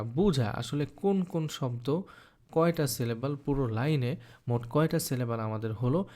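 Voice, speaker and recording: A man teaching an online lesson on poetry, patient and step by step, asking questions and answering them himself, and slowing down to sound out words syllable by syllable. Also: medium pitch, a little mellow. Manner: patient, explains step by step, often asks then answers his own questions. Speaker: English teacher. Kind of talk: online lecture explaining poetry scansion. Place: recording for an online course.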